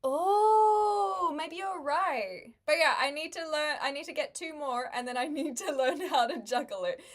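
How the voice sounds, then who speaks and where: A woman's voice: high-pitched, unhurried. A woman, chatting casually with viewers on a livestream, laughing often and making wry asides. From New Zealand. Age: 20s.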